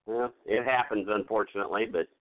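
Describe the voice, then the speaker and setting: A man on a call-in show, talking casually in a low-key, resigned way with his phone held away from his mouth, so he sounds distant. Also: steady tone, a little fast. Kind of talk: casual chat. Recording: tinny distant phone line.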